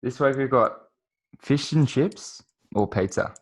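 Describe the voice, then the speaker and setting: A man's voice: mid-range voice, unhurried. A man in his late teens with an Australian accent, hosting a podcast in an informal, matey chat style. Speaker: podcast host. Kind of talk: casual interview chat.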